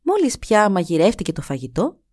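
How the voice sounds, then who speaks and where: Woman reading a folk tale, really lively voice, close and dry mic. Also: mid-range voice, no echo. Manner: animated, shifts into voices. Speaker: storyteller. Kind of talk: scripted folk tale narration.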